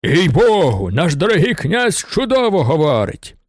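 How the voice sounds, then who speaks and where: A man's voice: on the high side, very animated, a little slow, no room sound, clean studio sound. A man voicing a boastful marshal of nobility in an audiobook. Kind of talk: audiobook character voice.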